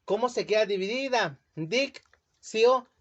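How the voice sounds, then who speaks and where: A man teaching children a lesson, speaking slowly and carefully and stretching words out syllable by syllable. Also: high voice, animated. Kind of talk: classroom lesson explanation. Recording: dull lo-fi sound.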